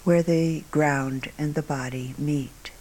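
This low-voiced woman, a meditation teacher, guides a meditation slowly and serenely. She speaks in short phrases with lengthy pauses, letting each one fade into a soft, breathy finish.

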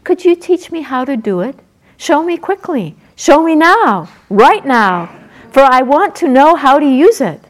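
Storybook fairy: a woman doing a fiery little male forest sprite, high, loud, impatient. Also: a little slow, lightly acted. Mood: eager. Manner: eager, loud, demanding.

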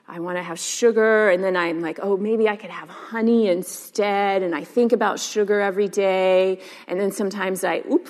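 A woman teacher giving a casual dharma talk, chatty and full of "like" and "um". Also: lowish voice. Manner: casual, chatty, many fillers. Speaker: meditation and yoga teacher. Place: meditation hall. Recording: long hall reverb.

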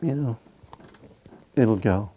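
Answering questions from his meditation group in a meditation hall, this teacher is easygoing and wry and uses plenty of fillers. He speaks slowly in a fairly low, dark voice with a breathy edge.

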